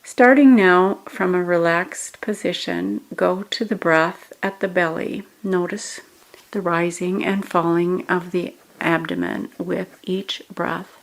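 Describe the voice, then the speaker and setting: Leading a guided meditation, a woman with a slightly low voice gives instructions very slowly in measured, short phrases separated by pauses. Her intonation stays fairly even, and the audio quality is poor.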